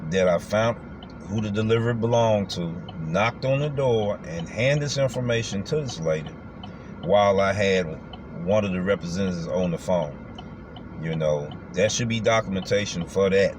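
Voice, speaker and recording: A man talking casually as a delivery driver vlogging, colloquial and emphatic, often repeating himself. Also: deep voice. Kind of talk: casual vlog talk. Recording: clear background noise, vehicle-like hum.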